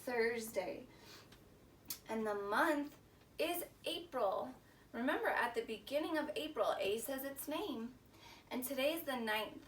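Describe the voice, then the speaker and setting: A woman teacher leads story time for young children in a high-pitched, animated, unhurried voice. She prompts them and repeats words for them to echo. A distant mic picks her up along with faint background noise.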